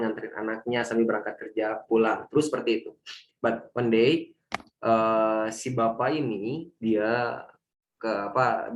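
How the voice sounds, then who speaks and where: A man's voice: mid-range voice, muffled recording, a little hiss or hum. A man giving a casual storytelling talk at a religious study session, slipping in English phrases. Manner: casual, mixes in English and Sundanese phrases, acts out quotes. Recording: roomy echo.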